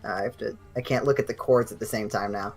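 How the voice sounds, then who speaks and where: A young man with a lowish voice talks quickly, faint music playing behind him. He's on a game night stream, casually chatting with friends and telling rambling, animated stories that keep restarting.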